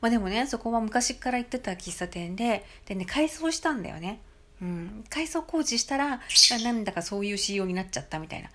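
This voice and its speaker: A woman's voice: mid-range voice, animated, fast. A middle-aged woman, chatting alone on her podcast and telling a story with many fillers. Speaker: podcast host. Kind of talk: casual solo talk.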